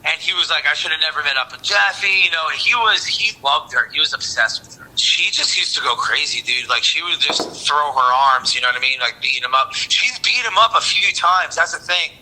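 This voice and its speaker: A man with a very bright, tense voice speaks casually to police. He hesitates and repeats himself, with slightly raised pitch. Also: fairly quick, hardly any pauses, poor audio. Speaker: interviewee, friend of victim. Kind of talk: recorded police interview.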